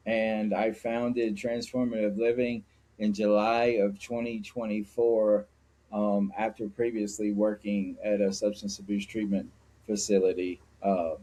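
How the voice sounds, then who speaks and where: Low, mellow-voiced man from Mississippi. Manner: candid and reflective, with frequent fillers. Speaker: guest, sober living founder. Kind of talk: personal interview.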